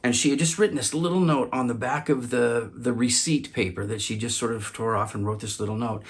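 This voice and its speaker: A man telling a personal story, halting often to repeat and restart his words. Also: medium pitch, fairly even intonation, breathy edge.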